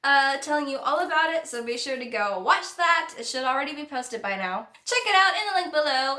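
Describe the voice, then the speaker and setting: A woman's voice: high voice, sharp tone, echoey room. A young woman vlogger telling a personal story in a casual, chatty way, laughing often.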